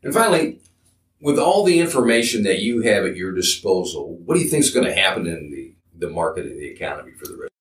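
A man's voice: low voice, big pitch swings, fast, a bit bright, far from the mic. A man hosting a conversational interview, heard with roomy echo away from the mic. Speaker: interview host.

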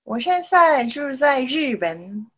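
A woman, a native Japanese speaker with a Japanese accent in Mandarin, chatting casually as an interview guest in halting, simple phrases with repeated words. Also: high voice, sing-song. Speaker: podcast guest, self-taught Mandarin learner.

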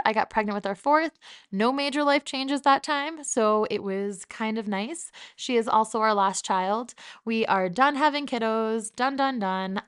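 A woman's voice: fairly high pitch, fairly bright tone, clear, resonant tone. A woman in her thirties from New Jersey, hosting her own podcast in a chatty, upbeat and candid solo monologue. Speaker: podcast host.

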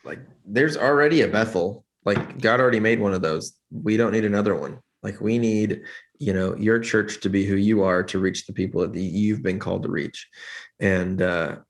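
A man's voice: lowish voice, normal speed. A man talking earnestly in a casual interview, rambling with many restarts as a church lighting director.

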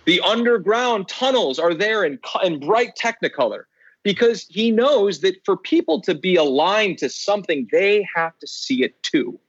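An emphatic man guesting on a podcast, leaning hard on repeated phrases as he tells his story. His voice sits a little high, and the recording is dry and slightly muffled, as if the top end were shaved off. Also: animated, normal speed, husky, no room sound. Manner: emphatic, repeats words for effect. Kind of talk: animated storytelling.

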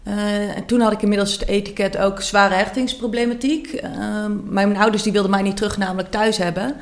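A woman's voice: medium pitch, flat delivery, a little fast, roomy sound. A woman reading her own story aloud in the first person, then answering interview questions with many hesitations. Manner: many hesitations and fillers when talking freely. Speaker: author and interview guest.

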